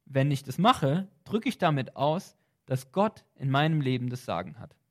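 A man giving a reflective devotional talk, earnest and thoughtful, with small hesitations, slipping into quiet prayer. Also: mid-range voice, big pitch swings, moderate pace. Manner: drops into quiet, soft prayer. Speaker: devotional speaker.

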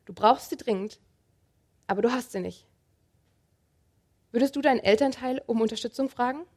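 A woman preaching a sermon, speaking calmly and earnestly and addressing the listener directly. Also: a little high, normal speed, husky. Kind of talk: sermon with Bible reading.

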